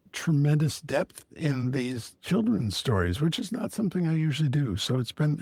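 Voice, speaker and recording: A man's voice: mid-range voice, darkish tone, husky, dry recording. A man, a storyteller and co-host, talking casually in conversation.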